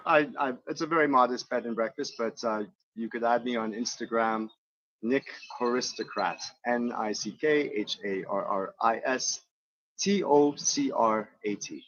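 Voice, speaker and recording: A bed and breakfast owner from Montreal, Canada, whose first language is French, chats casually as an interview guest outdoors on a balcony overlooking volcanoes. His medium-pitched, slightly bright voice moves at a moderate pace, and he speaks hesitantly with repeated starts and "you know." The audio is dull.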